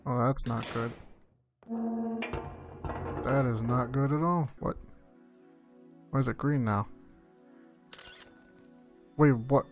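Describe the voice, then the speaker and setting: A man's voice: mid-range voice, steady tone, slow, pauses often, soft background music. A man streaming a live let's-play, reacting with profane, incredulous and sarcastic running commentary. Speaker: game streamer.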